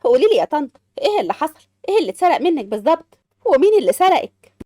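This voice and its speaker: A woman's voice: sits high, sing-song, very fast, dark tone, dry recording, clean studio sound. A woman doing bickering Egyptian housewives. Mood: defensive. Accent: Egyptian Arabic. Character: adult sisters-in-law, sharp-tongued and bickering.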